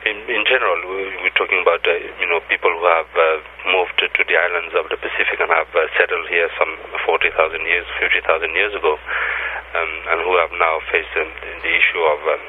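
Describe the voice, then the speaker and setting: A man's voice: sits low, level tone, brisk. A man from New Caledonia, a guest in an interview over the phone, hesitant with many ums and restarts. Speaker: interview guest, advocacy group director. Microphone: telephone. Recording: tinny phone line, faint hiss.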